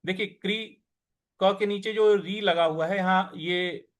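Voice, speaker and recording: A man teaching how to pronounce and recite scripture, chanting verses slowly and then explaining each sound step by step. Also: sits high, fairly even intonation, a bit bright. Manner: slow deliberate teaching, drawn-out chanted verses. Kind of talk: slow recitation lesson with chanting.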